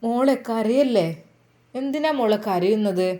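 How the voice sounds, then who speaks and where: Woman doing an old umma type, slow and loving, malappuram accent, storybook. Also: on the high side, dark tone, natural voice. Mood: fond. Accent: Malappuram Malayalam. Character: elderly mother, tender and devout.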